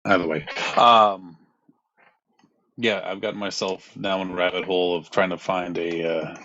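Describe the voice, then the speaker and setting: A man's voice: sits low, steady tone, unhurried, bright, forceful tone, lo-fi sound. A man chatting casually as a podcast co-host, rambling with fillers, his voice coming through echoey and distant on a remote call. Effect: echoey, distant sound. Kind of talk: casual chat.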